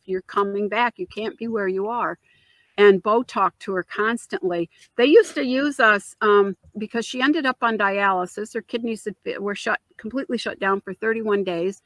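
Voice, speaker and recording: A woman tells a personal family story as an interview guest, earnest and heartfelt. She slips into the voices of the people she quotes. Her voice sits at a middle pitch and is recorded close and dry. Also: a bit bright, dry recording, rough recording. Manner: earnest, acts out quoted dialogue.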